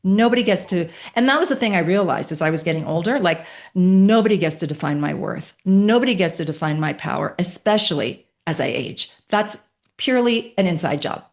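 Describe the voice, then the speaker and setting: A woman in her fifties with a fairly low voice speaks briskly as a guest on a podcast interview. She tells stories emphatically and with animation, sprinkling in rhetorical questions.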